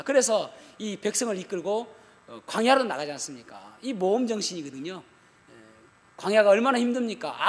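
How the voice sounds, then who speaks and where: A man preaching a sermon as pastor, animated, with humorous asides to the congregation. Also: high-pitched. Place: church sanctuary. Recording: long church hall reverb.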